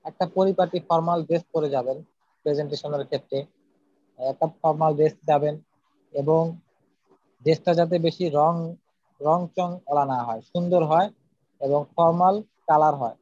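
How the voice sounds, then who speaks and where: A man's voice: fairly high pitch, normal speed, pauses often, a little mellow, dry recording. A man teaching a public speaking lesson, earnest and methodical, going through numbered points. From Bangladesh. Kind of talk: spoken lesson. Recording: slightly dull, dry recording.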